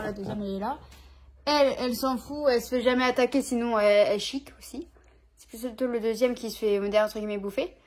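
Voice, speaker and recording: A young woman vlogging at home, chatting casually in an informal, slangy way with lots of fillers. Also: sits high. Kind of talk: casual chat. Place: at home with her dog.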